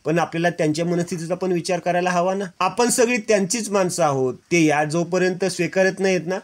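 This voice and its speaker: A man reading as a gentle reassuring young woman. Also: sits high, brisk, close to an everyday voice. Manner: soft, pleading, reassuring. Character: gentle caring young woman soothing family.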